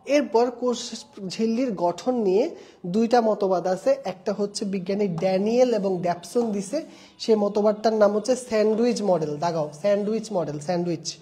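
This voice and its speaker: Mellow-voiced young male tutor drilling terms. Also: high voice, normal speed. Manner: drills key terms by repeating them and quizzing students; explains with mnemonics and personal anecdotes. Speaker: exam-prep tutor. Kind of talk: online class lecture.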